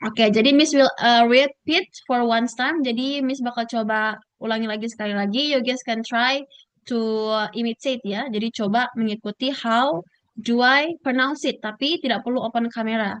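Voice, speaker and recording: This is a woman with an Indonesian accent, teaching English online. Her voice sits high, and the sound is close and dry. She switches between English and Indonesian and drills words slowly, one at a time. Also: clean tone, dry recording.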